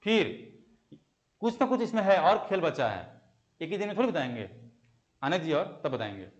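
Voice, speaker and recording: A man's voice: on the high side, sing-song, normal speed, lo-fi sound. A young man teaching an exam-prep Hindi grammar lesson. He asks the class questions, answers them himself and repeats the key terms.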